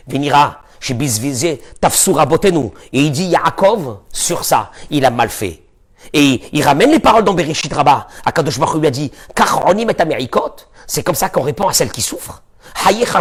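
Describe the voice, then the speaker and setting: A man who is a rabbi, giving a lively sermon, with sudden shouts and low asides. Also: slightly rough. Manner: animated, shifts between shouting and muttering.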